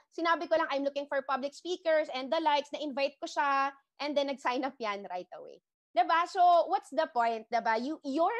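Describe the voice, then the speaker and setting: Filipino woman trainer with a high voice, animated and coaxing, in a dry, close recording. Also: dry recording. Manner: animated, mixing English and Tagalog, frequent rhetorical check-ins. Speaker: network marketing trainer. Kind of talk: online sales training talk.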